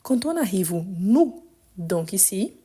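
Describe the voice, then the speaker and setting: In a live online grammar session, a French teacher speaks unhurriedly in a mid-range, mellow voice with a breathy edge and big pitch swings. She lays things out patiently one step at a time, spelling endings letter by letter, and her voice sounds a little weak on the phone recording.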